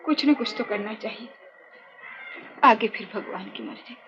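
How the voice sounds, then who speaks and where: A woman playing an anxious, weary poor village wife who speaks softly and fearfully, in 1950s film acting. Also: fairly high pitch, moderate pace, lightly acted. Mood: despairing. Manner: soft, fearful, despairing. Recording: dull old film soundtrack with clear hiss.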